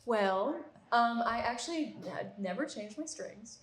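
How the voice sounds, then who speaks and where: A young woman musician answering interview questions in a chatty, relaxed way, with lots of ums. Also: on the high side, measured pace. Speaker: musician guest. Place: art bar event space. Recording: roomy live venue.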